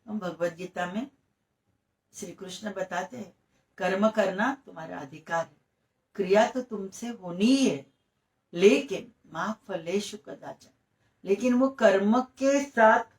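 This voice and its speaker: A middle-aged woman teaching yoga philosophy in a calm, explanatory lecture, mixing in English phrases. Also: medium pitch. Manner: slow, explanatory, mixes Hindi with English phrases. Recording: echoey room, voice from a distance.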